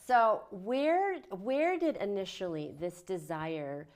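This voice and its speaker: A woman's voice: medium pitch, lively intonation, slow, darkish tone. A woman hosting a community TV talk show, reading an upbeat introduction and then chatting with her guest. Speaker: show host. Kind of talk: community TV interview.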